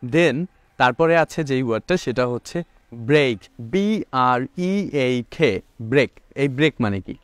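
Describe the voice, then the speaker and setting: A man teaching a video lesson on confusing English words, explaining slowly, repeating points and asking then answering his own questions. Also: mid-range voice, lively intonation, smooth, no room sound.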